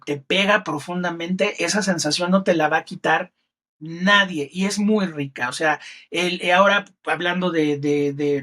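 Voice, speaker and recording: A middle-aged man with a Mexican accent, a film critic talking as a guest in a podcast interview and telling stories expressively. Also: sits high. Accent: Mexican Spanish. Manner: expressive storyteller who acts out quotes in other voices.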